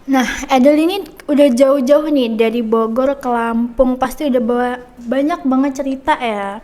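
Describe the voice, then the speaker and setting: A woman's voice: high-pitched, steady tone, moderate pace, dark tone. A young woman hosting a casual podcast interview, chatty and prompting her guest with little fillers. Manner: chatty, friendly prompting with many hmm and nih fillers. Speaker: podcast host.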